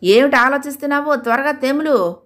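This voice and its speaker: A woman's voice: medium pitch, moderate pace, fairly bright tone, lightly acted. A woman voicing a domineering wife with a commanding, threatening manner. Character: bossy domineering wife, aspiring writer.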